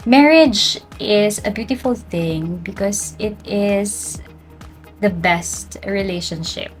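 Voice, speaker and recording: A podcast co-host with a Filipino accent talks casually and reflectively about personal experience, mixing English with Tagalog. Her medium-pitched voice takes it slowly, over soft background music in a rough recording.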